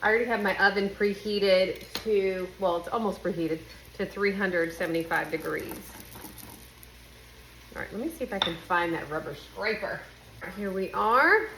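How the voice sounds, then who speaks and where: A woman's voice: mid-range voice, normal speed. A woman with a nasal, congested voice, chatting casually and folksily to viewers in a bubbly cooking vlog. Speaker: home and cooking vlogger. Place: home kitchen. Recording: kitchen noise, sizzling pan. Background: frying, sizzling, stirring.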